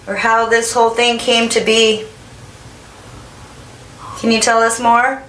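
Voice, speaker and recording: Even-toned woman questioning in an echoey room. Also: fairly high pitch, slow. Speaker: spirit box medium asking questions. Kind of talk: slow questioning in a spirit session. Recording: echoey room, faint background noise.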